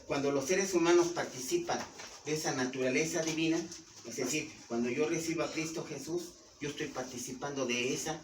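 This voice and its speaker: A man with a Mexican Spanish accent preaches a sermon, stopping often to put questions to his congregation. He is picked up from a distance, so his voice comes through a roomy church hall with some noise in the background. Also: on the high side. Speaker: pastor.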